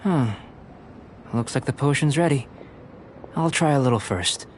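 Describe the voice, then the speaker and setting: In an anime-style video game, a man plays a calm, detached young alchemist, his delivery measured, precise and professorial. His natural, medium-pitched voice sounds composed and musing, with slight noise in the background.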